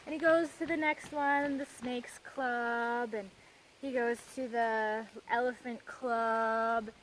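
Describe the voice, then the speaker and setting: A woman's voice: a little high, fairly even intonation, slow, fairly bright tone, a little hiss or hum, low-quality recording. A woman presenting children's picture books in a casual review, retelling the stories with brief character voices.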